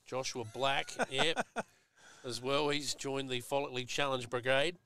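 Aussie guy commentating footy, bright crisp voice, folksy, close dry mic. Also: medium pitch, steady tone, unhurried. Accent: Australian. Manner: chatty, folksy, jumps up sharply at big hits. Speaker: football commentator. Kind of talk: live commentary with analysis.

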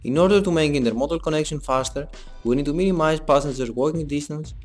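Young man reading a design presentation. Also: on the high side. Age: young adult. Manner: measured, explanatory reading. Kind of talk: scripted presentation voice-over. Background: soft background music.

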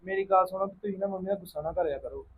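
A man's voice: high voice, fast, breathy edge, phone-quality sound. A man playing a caring grandson who earnestly reassures his grandmother. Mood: reassuring. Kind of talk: family drama vlog acting.

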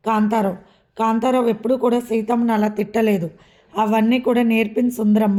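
Mellow, flat woman storyteller. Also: on the high side. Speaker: story reader. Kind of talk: serialized story reading.

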